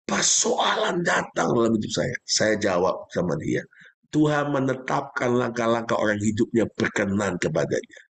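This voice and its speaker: A man's voice: big pitch swings, normal speed, vocal fry, a bit bright. A male pastor preaching a sermon, speaking straight to his congregation with emphatic, leaping exclamations. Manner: emphatic preaching with sudden pitch leaps; addresses congregation directly.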